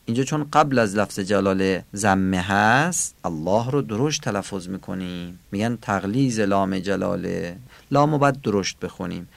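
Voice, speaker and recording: A man teaching a Quran recitation lesson, calmly explaining pronunciation rules and slowly drawing out example words. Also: low voice, vocal fry, dry recording.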